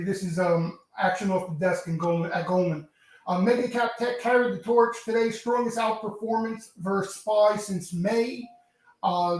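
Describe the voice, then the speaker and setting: A man's voice: high voice, a little mellow. Man from Long Island with cave echo. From Long Island, New York. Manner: blunt, profane, talks through fillers. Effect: cave-like echo, far from the mic. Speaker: trading stream host. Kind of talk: casual market commentary. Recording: cavernous echo, distant mic.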